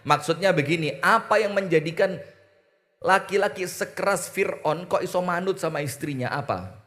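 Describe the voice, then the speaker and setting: High-voiced East Javanese preacher in a reverberant hall. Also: male voice, moderate pace, fairly bright tone. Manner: playful, teasing the audience, mimics voices in quotes. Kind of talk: humorous sermon to a congregation.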